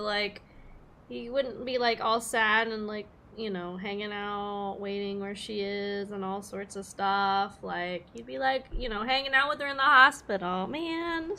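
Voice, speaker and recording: Female game streamer: bright, unhurried, chatty, slangy live commentary. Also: fairly high pitch. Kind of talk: casual livestream commentary.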